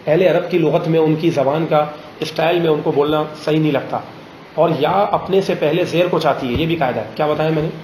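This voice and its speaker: A man teaching a grammar lesson in a classroom, pausing often to ask students questions and slowing down on examples. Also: a little high, a little mellow, slight background noise. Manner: drills students with frequent check questions; slows down to spell out example phrases. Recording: roomy classroom echo.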